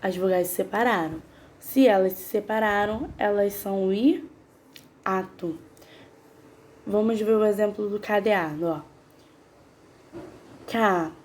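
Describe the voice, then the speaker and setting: A mid-range, slightly mellow voice guides a grammar lesson. The woman goes syllable by syllable at a slow, patient pace and turns to the class with questions.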